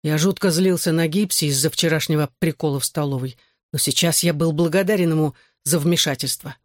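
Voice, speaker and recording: A man's voice: fairly high pitch, steady tone, brisk, no echo, clean studio sound. A man narrating a first-person novel as an audiobook, in a terse, intense manner.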